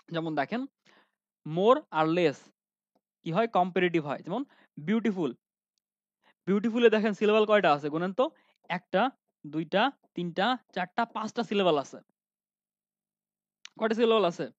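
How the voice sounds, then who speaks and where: A man's voice: high voice, dry recording. Lo-fi male grammar teacher quizzing himself. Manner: asks students questions and answers them himself, with frequent fillers. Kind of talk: online grammar lesson.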